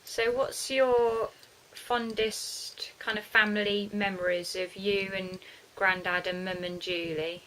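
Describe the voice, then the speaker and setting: A woman interviewing her grandmother, asking gentle, prompting questions. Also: medium pitch, steady tone, takes it slowly, hardly any pauses, low-quality recording. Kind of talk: casual family interview.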